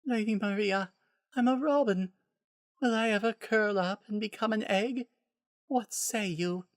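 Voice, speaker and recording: A man's voice: sits high, a little slow, no echo, studio quality, pitched above the performer's own voice. A man voicing a desperate, mad patient who pleads plaintively in a dramatic story reading. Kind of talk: dramatic reading of fan fiction.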